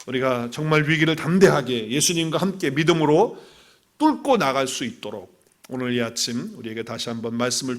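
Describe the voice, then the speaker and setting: A male pastor giving an animated Sunday sermon, asking his listeners questions and acting out the voices he quotes. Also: mid-range voice. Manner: animated preaching, acts out quoted voices, asks the congregation questions.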